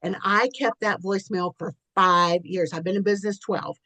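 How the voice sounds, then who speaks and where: A woman's voice: on the low side, steady tone, moderate pace, pushed and bright, dry recording, low-quality recording. A woman co-hosting a podcast, telling a personal story in candid casual chat, often laughing. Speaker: podcast co-host.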